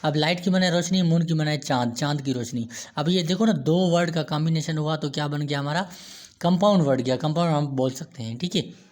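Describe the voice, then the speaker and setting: Man, teacher, grammar lecture, fairly high voice, asks and answers himself. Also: a little mellow. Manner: slow, repetitive, asks and answers his own questions.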